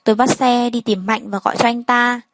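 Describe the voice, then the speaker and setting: A woman's voice: fairly high pitch, fairly even intonation, a little fast, poor audio. A woman reading a first-person story aloud and speaking all the characters' lines in much the same voice. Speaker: narrator.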